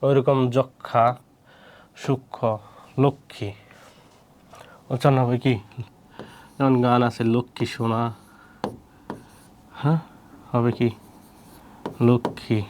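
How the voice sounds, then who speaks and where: A man's voice: mid-range voice, fairly even intonation, fairly quick, long pauses, a little mellow, a little hiss or hum. Man teaching pronunciation rules. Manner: teaching with rhetorical questions and repeated example words. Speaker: Bengali language teacher. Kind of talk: explaining pronunciation rules to students.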